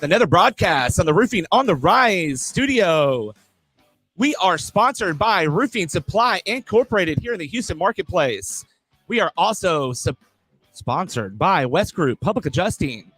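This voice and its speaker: A man in a podcast studio runs through sponsors and welcomes his guest with a lot of energy, stumbling over his words now and then. His somewhat high voice sounds dry and close, with almost no room echo. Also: sing-song, a little slow, fairly bright tone, husky, soft background music. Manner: hype-driven, repeats words, stumbles on them. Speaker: podcast host. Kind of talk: podcast hosting, reading sponsor mentions.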